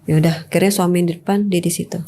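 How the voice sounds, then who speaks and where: A woman's voice: on the low side, level tone, very fast, warm tone. A woman, telling her own ghost story as a guest in a casual chat. She talks animatedly, acts out the scenes, and slips into whispers for the voices she quotes.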